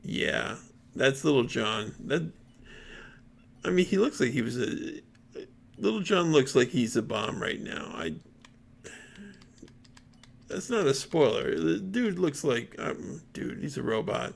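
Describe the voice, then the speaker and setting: Brief: gravelly, husky man, game streamer reading lines aloud with chatty commentary into a desk mic. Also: medium pitch, big pitch swings, slow pace, pauses often. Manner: chatty, restarts and asides.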